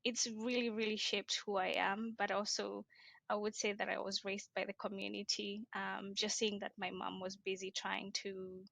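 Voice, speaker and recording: A woman's voice: mid-range voice, flat delivery, normal speed, vocal fry, fairly bright tone, no room sound. A young woman from Kenya, a guest in an interview, talking casually with frequent hesitations. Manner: hesitant, many ums. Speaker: guest, social entrepreneur.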